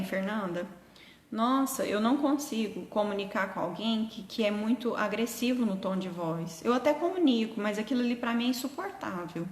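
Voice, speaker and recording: A middle-aged woman hosting a live stream, speaking gently and earnestly and answering her viewers' comments. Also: medium pitch. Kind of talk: casual live chat with viewers. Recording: echoey room with long reverb.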